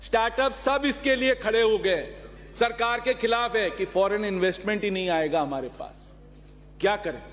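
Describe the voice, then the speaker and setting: High-voiced man giving an assembly speech. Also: moderate pace, fairly bright tone. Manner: argumentative, rhetorical questions, mixes in English phrases. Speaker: legislator. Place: legislative assembly hall. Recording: long reverb of a large hall.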